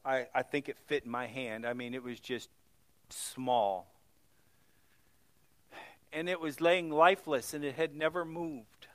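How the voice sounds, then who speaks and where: A middle-aged male pastor telling stories in a sermon, swinging from loud exclamations to hushed, near-whispered moments. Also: medium pitch, steady tone, a little slow, pauses often, dry recording.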